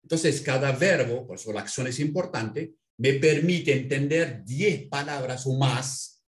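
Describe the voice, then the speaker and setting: A man teaching a language in an interview, patiently explaining and spelling out words slowly. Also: mid-range voice, roomy sound. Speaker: Arabic language instructor.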